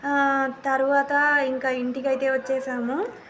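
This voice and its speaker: A woman's voice: high voice, little pitch movement, takes it slowly, a bit bright, a little hiss or hum. A woman vlogger telling a personal story straight to her viewers in a casual, earnest way, often repeating her phrases.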